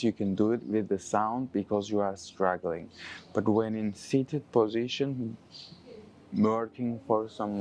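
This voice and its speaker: A man with a non-native English accent teaching a yoga breathing lesson, instructive and encouraging, sometimes halting as he searches for words. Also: on the low side, darkish tone.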